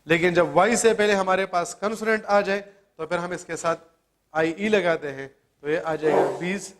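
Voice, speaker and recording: A man teaching an English spelling lesson, asking the class questions and answering them himself, spelling words out letter by letter. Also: high voice.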